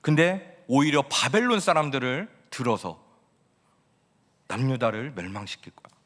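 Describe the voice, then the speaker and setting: A man's voice: medium pitch, big pitch swings, normal speed, a bit bright. A male pastor preaching a sermon in a conversational way, often asking the congregation questions. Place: church sanctuary. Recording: long church-hall reverb.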